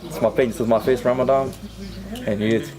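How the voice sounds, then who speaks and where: A man's voice: medium pitch, steady tone, fairly quick, a crowd in the background, poor audio. A man speaking earnestly and effusively in an interview. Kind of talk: candid interview.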